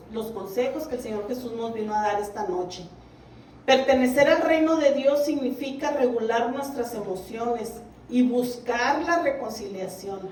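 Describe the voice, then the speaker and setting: A woman delivers a sermon in a high, bright voice. She presses her congregation earnestly. She is picked up from a distance in an echoing room with a faint hum underneath. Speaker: preacher. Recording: roomy, distant mic.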